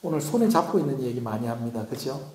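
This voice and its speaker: A man's voice: medium pitch, expressive, fast, warm tone, a little hiss or hum. A male pastor preaching at a Friday prayer meeting in a church sanctuary. He keeps asking the congregation questions and then answers them himself. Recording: echoey church room.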